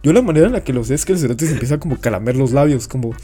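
A man's voice: medium pitch, animated, rapid-fire, warm tone, husky, soft background music. A young man with a Guatemalan Spanish accent, co-hosting a casual podcast chat in a slangy, profane, joking way. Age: young adult. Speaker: podcast co-host.

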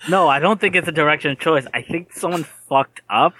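A young man co-hosting a podcast, recapping casually with halting restarts and blunt swearing. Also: a little high, pushed and bright, no echo. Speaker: podcast co-host. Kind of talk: casual anime recap chat.

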